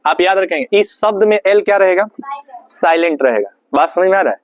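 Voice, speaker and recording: Male teacher, fairly high voice, dry close sound, quizzes his class. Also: lively intonation, no room sound. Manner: asks the class questions and answers them himself; slows right down to spell out English phrases. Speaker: English teacher. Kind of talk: classroom lesson. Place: classroom with students.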